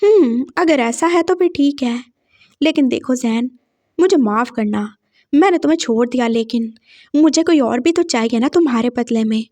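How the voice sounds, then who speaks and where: A woman's voice: high-pitched, expressive, moderate pace, dark tone. A woman voicing a greedy, scheming mother who coaxes her son with veiled threats, in a story read aloud. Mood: sly menacing. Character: scheming middle-aged mother, greedy and menacing.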